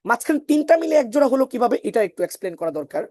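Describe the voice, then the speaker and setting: A woman's voice: on the high side, big pitch swings, very fast, darkish tone, no echo, clean studio sound. A woman teaching an online class on Quran recitation, explaining patiently, repeating her points and asking the students questions.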